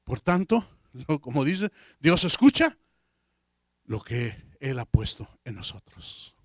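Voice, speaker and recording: A man's voice: mid-range voice, big pitch swings, slow, no room sound, clean studio sound. A male pastor preaching a sermon, who keeps asking the congregation questions and drops English fillers into his talk.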